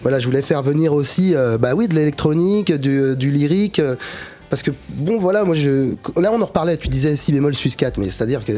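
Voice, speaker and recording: A man's voice: on the high side, brisk, mellow. A male musician as an interview guest, talking in a casual, searching way and often restarting his phrases.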